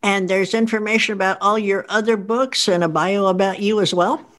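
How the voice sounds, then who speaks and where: Woman interviewer, eager, mid-pitched, asking questions. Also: moderate pace, fairly bright tone.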